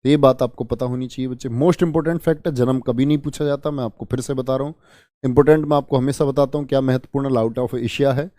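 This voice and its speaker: A man's voice: mid-range voice, steady tone, quick pace, warm tone, dry recording, studio quality. A man teaching an online exam-prep history class, repeating key terms and quizzing his students as he goes. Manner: addresses students as children.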